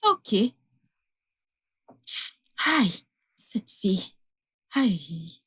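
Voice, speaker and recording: Woman voicing a husky, scheming pregnant woman. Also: mid-range voice, big pitch swings, extremely slow, sharp tone, no room sound, clean studio sound, full character voice. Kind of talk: dubbed film acting.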